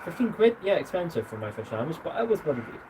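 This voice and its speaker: A man's voice: on the high side, very animated, fast, a little mellow, a little hiss or hum, rough recording. A man chatting casually and teasingly on an outdoor live stream, recalling trip details eagerly. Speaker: co-host of a travel live stream.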